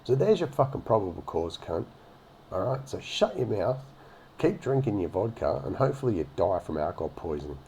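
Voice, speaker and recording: A man's voice: on the low side, very animated, a little fast, vocal fry, warm tone, a little hiss or hum. A man giving blunt, profane, indignant commentary while reacting to police footage. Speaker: video reaction host.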